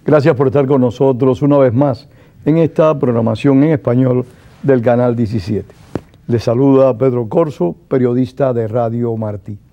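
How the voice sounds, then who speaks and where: A man hosting a formal television interview, speaking in a measured, deliberate way as he introduces his guest and asks questions. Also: medium pitch. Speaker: TV interviewer, journalist. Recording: dull lo-fi broadcast sound.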